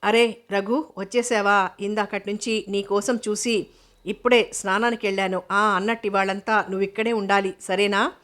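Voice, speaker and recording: Lady doing sweet naive young girl gushing in an audiobook, talks fast and innocent. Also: mid-range voice, fairly even intonation, a bit bright, close to an everyday voice. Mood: cheerful. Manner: innocent, chattering quickly. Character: innocent eager young woman, a daughter.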